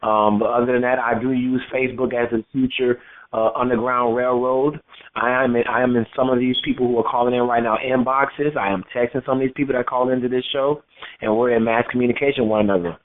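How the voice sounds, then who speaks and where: A man's voice: mid-range voice, fairly even intonation, fast talker. A man from Florida calling into a talk show on speakerphone, rambling and repeating words as he gives his opinion. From Florida, United States. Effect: on speakerphone over a phone line. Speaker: caller. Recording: tinny phone-line audio.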